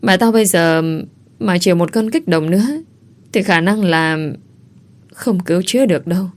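A woman's voice: fairly low pitch, normal speed. A woman reading a first-person story aloud, earnest and heartfelt. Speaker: audiobook narrator.

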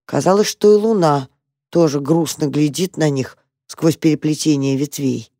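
A narrator reading a children's story aloud in a calm, even manner. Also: mid-range voice, moderate pace, no room sound, studio quality.

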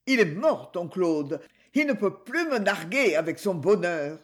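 A woman's voice: lowish voice, sing-song, a little slow. A woman reading aloud, voicing a jealous, vengeful male bandleader who speaks coldly and cynically. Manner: cold, cynical.

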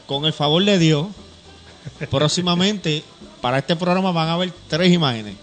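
A male co-host on a church talk program, speaking a little above the usual male pitch. He chats in a loose, explanatory way and fills his pauses with small hesitations. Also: faint music behind. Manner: chatty and explanatory, many fillers. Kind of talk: casual church talk-show chat.

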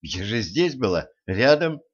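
A man's voice: medium pitch, very animated, a little slow, husky, lo-fi sound. Man voicing an eager, chattering young woman. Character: lively, quick-witted young woman, playful.

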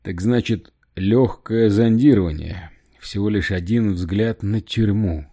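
Furious commanding leader, raised accusing voice, dark low tone, read by a male narrator; audiobook. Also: a little slow. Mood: angry. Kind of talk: audiobook character voice.

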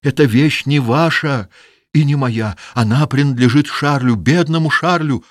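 A man voicing a devout young daughter who pleads loudly and with passion. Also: mid-range voice, measured pace, no echo, studio quality, pitched above the performer's own voice, natural voice. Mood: pleading. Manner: impassioned, loud pleading.

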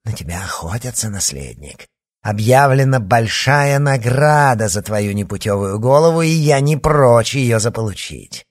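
A man voicing a spiteful, scheming adult witch woman, taunting with threats in a husky voice. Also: medium pitch, expressive, unhurried, pitched above the performer's own voice, close to an everyday voice. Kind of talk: audiobook character reading.

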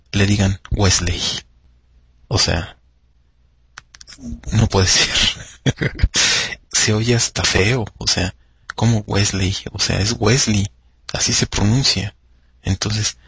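Man, Mexican accent, radio host, casual rambling monologue, husky rasp, dry studio. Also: lowish voice, a bit bright, dry recording. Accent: Mexican Spanish. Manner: rambling and chatty, many fillers and restarts.

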